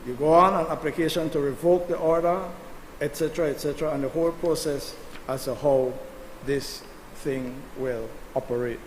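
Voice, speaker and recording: Combative senator, echoey chamber. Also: male voice, a little high, steady tone, normal speed. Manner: emphatic, combative, addresses the chair. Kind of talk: parliamentary debate speech. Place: legislative chamber. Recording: echoey chamber with long reverb, faint noise.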